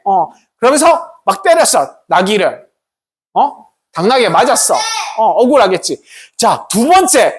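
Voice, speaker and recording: A man preaching a lively story sermon to students, often asking them questions. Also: very high-pitched, unhurried, husky. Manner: animated storytelling with questions to the audience. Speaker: pastor.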